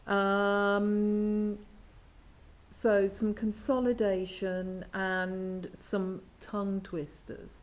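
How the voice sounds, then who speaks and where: A woman's voice: medium pitch, expressive, unhurried, mellow, lo-fi sound. A woman teacher instructing students in diction, asking questions and demonstrating sounds. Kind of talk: questioning students and explaining exercises.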